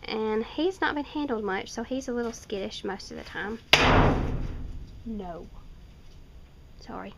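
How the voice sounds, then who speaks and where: Filming herself off camera with a handheld camera mic, a woman rambles chattily through a walk-around tour of her small wooded farm, stopping by the rabbit hutches, full of fillers and restarts. Her voice is fairly high, animated and gravelly, a little slow, with long pauses. Faint outdoor noise can be heard.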